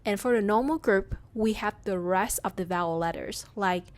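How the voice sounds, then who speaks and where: A woman with a Southern Vietnamese accent teaching pronunciation in a scripted lesson, reading sounds out slowly one by one. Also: mid-range voice. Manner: slow, careful, reads sounds out one by one. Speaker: language teacher.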